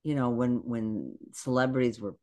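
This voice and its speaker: A woman guest in casual podcast chat, animated and acting out quotes in lively voices. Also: extremely low pitch, moderate pace.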